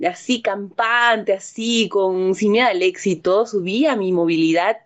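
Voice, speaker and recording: A young woman tells a story among friends, mid-pitched and lively. She jumps high when she acts out the other voices. The recording sounds dull and lo-fi. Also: a little slow. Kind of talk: casual storytelling.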